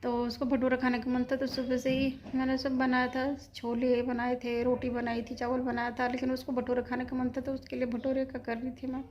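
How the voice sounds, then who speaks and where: A woman's voice: sits high, completely flat delivery, a little fast, few pauses, a little mellow, dull audio, slight background noise. A woman vlogging from her home kitchen, talking to her viewers in a shaken, anxious way. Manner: shaken, retelling a scare at length, anxious. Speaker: vlogger, mother. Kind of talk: casual home vlog, talking to camera.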